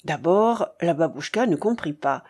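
A woman narrating an audiobook in a deliberate, expressive reading. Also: lowish voice, husky. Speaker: audiobook reader. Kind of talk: scripted narration.

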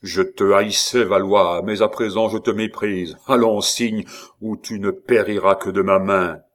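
A thunderous, bullying monk with a low, heavy voice that bellows his threats, as a male reader puts him on. He spits out each demand with contempt. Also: lively intonation, slow pace. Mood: furious. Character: brutal loud-mouthed male monk.

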